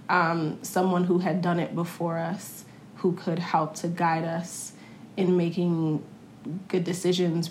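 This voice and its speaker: A woman's voice: fairly low pitch, slight background noise. A young woman from Brooklyn, a podcast guest speaking in a friendly, chatty way. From Brooklyn, New York. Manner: friendly, chatty, laughs easily. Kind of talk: podcast interview.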